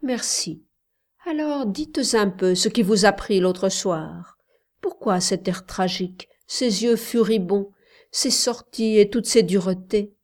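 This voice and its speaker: A woman reading a gentle young woman in a storybook, softly coaxing and teasing her suitor. She speaks slowly and tenderly, with a mid-pitched voice, in an unhurried audiobook style. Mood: tender reproach.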